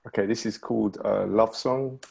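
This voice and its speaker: Nervous guy at an online poetry open mic, kinda low husky voice. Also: fairly even intonation, normal speed, darkish tone. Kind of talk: spoken word poetry and casual chat between poems. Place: online virtual open mic over video call.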